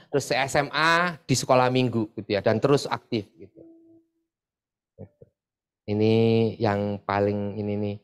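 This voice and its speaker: A man's voice: lowish voice, smooth. A man from East Java leading a church group sharing session, talking casually and chatting with many filler tags. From Pasuruan, East Java. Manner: chatty, often adds filler tags, lively when retelling stories. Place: church meeting room.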